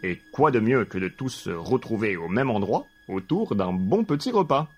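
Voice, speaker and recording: A man's voice: on the low side, sing-song, moderate pace, lo-fi sound. A man playing an eccentric, self-important father who fancies himself a detective, leaving a rambling voicemail. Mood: pompous. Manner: rambling, pompous, absurdly earnest monologue. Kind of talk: comedic voicemail sketch. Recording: music playing underneath.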